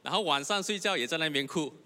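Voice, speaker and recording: Preaching a sermon of personal testimony in a church hall, a young man earnestly tells his own story and keeps asking questions of the congregation. He talks fast and animatedly in a slightly high, bright, forceful voice, with long hall reverb on the recording.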